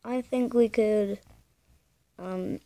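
A woman's voice: medium pitch, drawn-out words, background noise. A young woman casually commentating her gameplay, thinking aloud hesitantly and humming to herself. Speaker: gamer.

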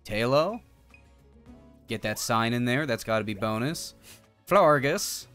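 A game streamer in his thirties gives casual, jokey commentary from an indoor streaming setup, thinking aloud and swearing now and then. His medium-pitched voice is animated, slow, clean and fairly bright. Video game music plays in the background.

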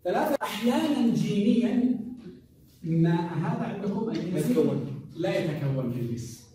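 A man's voice: high voice, sing-song, normal speed. A man giving a pharmacology lecture to a class, often quizzing the students with rhetorical questions and mixing English drug terms into his speech. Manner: mixes English drug terms into colloquial Arabic. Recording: echoey classroom from a distant mic with faint noise.

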